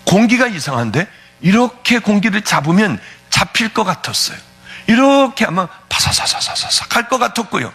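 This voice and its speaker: Male pastor, high and lively delivery, fervent testimony, husky tone. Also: moderate pace. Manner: fervent, tearful storytelling with sudden pitch swings. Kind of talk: emotional testimony sermon.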